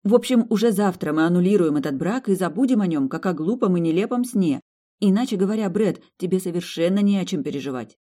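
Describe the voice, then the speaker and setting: A woman's voice: fairly low pitch, lively intonation, fast talker, dark tone, pitched above the performer's own voice. A narrator voicing a young woman doctor, flustered and eager to please, pleading and apologetic in an audiobook. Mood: explaining, reassuring.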